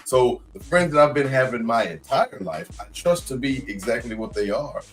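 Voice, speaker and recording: A man's voice: medium pitch, moderate pace. A man hosting a live podcast, talking casually and reading out viewer comments. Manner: relaxed, conversational, reads out comments. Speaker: podcast host. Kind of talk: casual live-stream talk.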